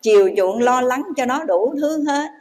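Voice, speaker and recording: A Buddhist nun telling a story in a dharma talk, addressing the audience directly. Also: female voice, high-pitched, expressive, normal speed, darkish tone. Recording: long hall reverb.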